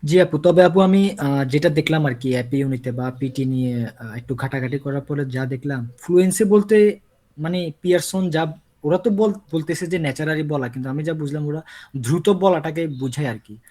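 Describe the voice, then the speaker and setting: A man's voice: on the high side, normal speed, dark tone. A man taking part as a student on a video call, polite and deferential as he asks his tutor questions.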